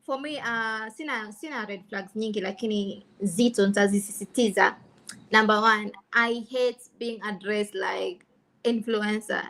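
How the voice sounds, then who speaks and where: A woman's voice: medium pitch, fairly even intonation, a little slow, fairly bright tone, low-quality recording. A Kenyan woman speaking candidly on a panel, emphatic and repeating phrases for stress, slipping between English and Swahili. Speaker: content creator on a panel.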